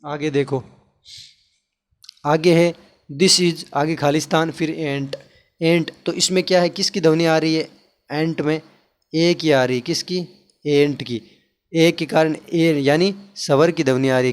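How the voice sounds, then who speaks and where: A man's voice: a little high, fairly even intonation, a little slow, pauses often. A male teacher with an Indian accent explaining grammar, repeatedly asking questions and answering them himself. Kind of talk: classroom lesson explaining English articles in Hindi.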